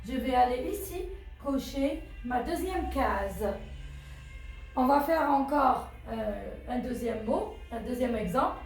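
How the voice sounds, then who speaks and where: A woman's voice: high-pitched, animated, slow pace, gravelly, darkish tone. A woman teacher patiently walking children through a phonics exercise, repeating words and asking questions as she goes. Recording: very echoey room with faint music.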